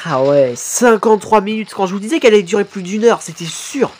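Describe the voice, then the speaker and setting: Excitable man doing reaction commentary. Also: high-pitched, a little fast. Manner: excitable, punctuates with exclamations and swearing. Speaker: YouTuber reacting to fan animations.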